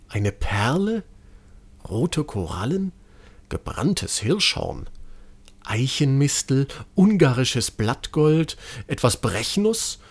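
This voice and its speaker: A man's voice: mid-range voice, heavily acted. A man voicing a clever ten-year-old boy who grumbles and mutters, in a storybook reading.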